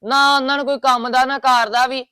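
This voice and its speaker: High, sulky defiant voice in a dry room. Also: level tone, a little fast, pushed and bright, smooth, dry recording. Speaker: defiant grandson. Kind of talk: Punjabi family web drama acting.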